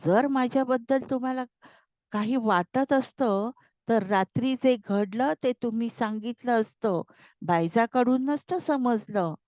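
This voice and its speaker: A woman's voice: a little high, measured pace, a little mellow, no echo, dull audio, voice pushed up, close to an everyday voice. A woman voicing a frantic, raging mother. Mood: reproachful. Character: distraught mother, frantic and fierce.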